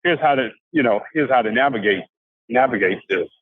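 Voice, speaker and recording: An older, formerly incarcerated man from South Carolina, USA speaks haltingly and casually about life after prison, restarting often, in a conversational interview. His mid-range voice is expressive with a breathy edge. The audio comes from a handheld phone on a video call and sounds dry and tinny, with no echo.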